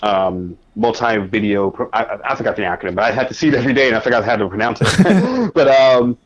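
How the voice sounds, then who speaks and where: A man talking as a podcast guest in a casual conversation, animated, in quick bursts with frequent restarts. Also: fairly low pitch. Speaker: podcast guest, media editor. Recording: dull lo-fi sound.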